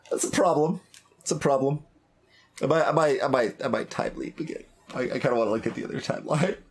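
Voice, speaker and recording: A streamer doing a blind playthrough offers casual gameplay commentary, thinking out loud hesitantly, stammering and repeating phrases. His voice is medium-pitched and a little mellow, with video game music playing behind him.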